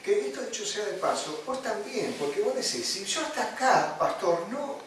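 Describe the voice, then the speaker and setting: This pastor's voice is high and expressive, moving at a moderate pace as he gives a chaplaincy lesson with a Rioplatense Spanish accent. He talks in a chatty sermon style, frequently adding "¿no?" and fillers. Faint noise and echo come through, recorded from a distance.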